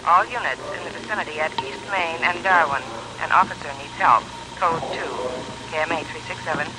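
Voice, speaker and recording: An actor playing a police dispatcher heard over the radio in a 1950s radio drama, calling out units and codes in a clipped, repetitive way. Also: male voice, fairly high pitch, fairly quick. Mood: urgent. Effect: police radio transmission. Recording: noisy radio broadcast recording.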